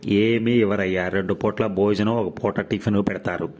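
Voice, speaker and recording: A man's voice: fairly low pitch, steady tone, normal speed, a little mellow, lightly acted. A man voicing a poor, worn-out widowed woman who cooks at a mess, speaking humbly. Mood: weary. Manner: pleading, humble.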